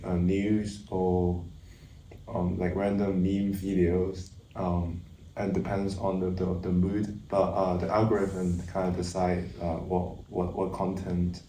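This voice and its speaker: A young man from Hong Kong, a student guest who talks hesitantly, pausing and restarting often. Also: low voice, mellow, slight background noise. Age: young adult. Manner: hesitant, many fillers and restarts. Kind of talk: casual chat. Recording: echoey room, distant mic, faint ambience.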